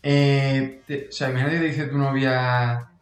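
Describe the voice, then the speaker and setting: A man's voice: medium pitch, level tone, moderate pace, roomy sound, soft background music. A man, co-hosting a casual comedy chat and telling anecdotes in rambling slang. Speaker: podcast co-host.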